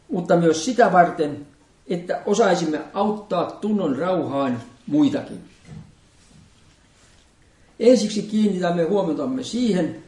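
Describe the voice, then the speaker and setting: A man with a fairly high voice delivers a sermon in a solemn, measured liturgical cadence. He stands back from the microphone, and his words ring through an echoey church. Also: warm tone, distant mic. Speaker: preacher. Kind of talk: sermon with scripture reading. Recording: echoey room, voice from off-mic.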